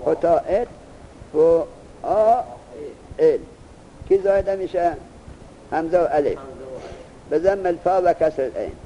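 A male teacher giving a classroom lesson, asking students quick questions and then reciting the answers himself. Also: high voice, expressive, warm tone, rough recording.

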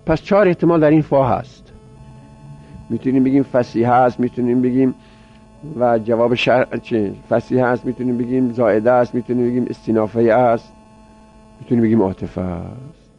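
Male teacher, mid pitch, drills words by repetition; dull lo-fi take with hum under faint music. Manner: repeats words aloud, drilling, explaining step by step. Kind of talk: grammar lecture. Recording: dull lo-fi recording with mains hum.

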